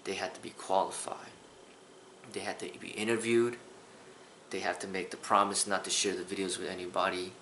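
A man's voice: low-pitched, level tone, brisk, pushed and bright, a little hiss or hum. Earnest man in his thirties, roomy sound. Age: 30s. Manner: earnest, rambling, with restarts and fillers. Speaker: kung fu instructor. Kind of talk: casual talking-head vlog. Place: small indoor room with a sofa.

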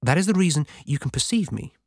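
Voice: medium pitch, animated, fast, a little mellow, dry recording, studio quality, pitched above the performer's own voice. A narrator voicing a cheeky inner voice that speaks in a playful, matter-of-fact way. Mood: teasing.

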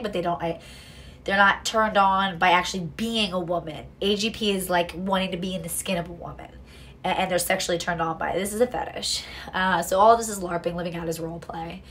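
With a lowish, slightly bright voice, a young woman gives unfiltered true crime commentary from a small room in her home. She swears openly, makes sarcastic side remarks, and keeps restarting her thoughts.

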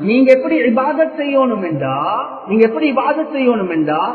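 Man preaching, very high voice, distant from the mic in a reverberant hall. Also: big pitch swings, normal speed. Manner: addresses listeners as respected brothers and friends, chants Arabic verses. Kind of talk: Tamil Islamic sermon. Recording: tinny, echoey hall from far off.

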